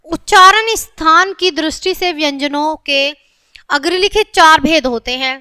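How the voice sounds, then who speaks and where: A woman with a high, sharp voice teaches children a grammar lesson step by step, slowly drawing out each sound she names and saying "okay" often. The recording is clean studio sound with no echo.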